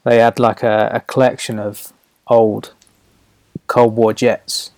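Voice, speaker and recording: A man's voice: mid-range voice, little pitch movement, slow pace, darkish tone, no room sound. A man from southern England with a Home Counties accent, answering casually in an interview in short, hesitant, unassuming phrases. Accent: southern English, Home Counties. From Hertfordshire, England. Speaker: podcast guest, aviation photographer.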